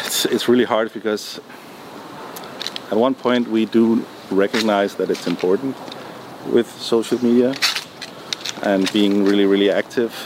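A man answering interview questions in a relaxed, hesitant way, with many ums and restarts. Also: fairly low pitch, a little slow, long pauses. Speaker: music producer guest. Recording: noisy background.

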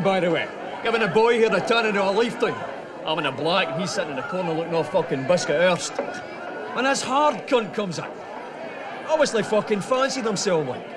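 A man's voice: sits high, lively intonation, fairly quick. An actor playing a swaggering, aggressive hard man telling a sweary tale in a broad Scottish urban street accent. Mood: cocky boasting. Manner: cocky, menacing, slangy street talk. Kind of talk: film monologue, sweary storytelling. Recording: busy background crowd, film clip.

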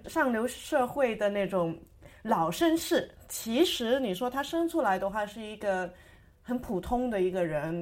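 A woman with a slightly higher voice co-hosts a relaxed talk show. She gives long, easygoing explanations and laughs lightly as she goes. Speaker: podcast co-host. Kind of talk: casual discussion.

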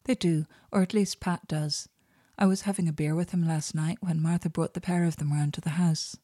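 A woman voicing a steady middle-aged man, speaking in a soothing, even, unflustered way. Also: on the high side, moderate pace, no room sound, clean studio sound, natural voice. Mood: calm.

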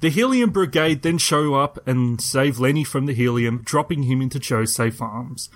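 A man's voice: mid-range voice, lively intonation, moderate pace. A man co-hosting a podcast, recapping an episode in casual chat and laughing often. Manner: laughs often while talking, playful. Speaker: podcast co-host.

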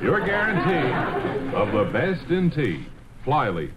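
A man's voice: a little high, wildly swooping pitch, a little slow, heavy background noise. Man doing a pompous, swooping mock radio announcer. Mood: mock-solemn. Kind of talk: parody of old radio announcing. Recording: dull old radio, loud music and crowd.

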